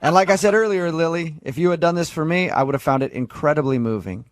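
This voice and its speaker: A man's voice: a little high, quick pace, no room sound, clean studio sound. An American man hosting a morning radio show, bantering casually with callers in a mock-earnest, teasing way.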